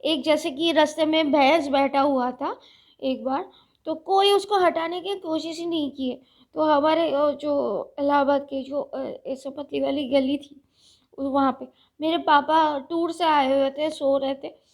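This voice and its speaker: Woman vlogger, casual unscripted chat, high voice, slow and deliberate, lots of fillers. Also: fairly even intonation. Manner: slow, deliberate talker with many fillers and restarts. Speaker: vlogger reviewing a reality show.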